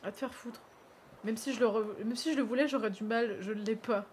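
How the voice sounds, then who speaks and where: A woman streaming a game, chatting casually, animated, teasing and crude, laughing often. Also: a little high, brisk, slight background noise. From France. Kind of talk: casual gaming stream chat.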